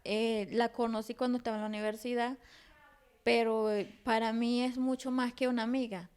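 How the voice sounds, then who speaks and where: A woman's voice: fairly high pitch, level tone, normal speed, darkish tone, clear, resonant tone. Woman in her thirties telling her story. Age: 30s. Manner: rambling, many restarts and fillers. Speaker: interview guest. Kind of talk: personal testimony in conversation.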